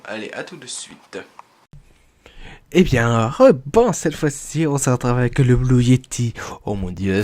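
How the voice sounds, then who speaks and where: A young man rambles through a casual gear review, cracking small jokes as he goes. His voice sits a little high and he speaks at an unhurried pace, with a faint hiss in the background. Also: darkish tone. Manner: joking, rambling, chatty. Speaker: YouTuber reviewing a microphone. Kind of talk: casual product review vlog.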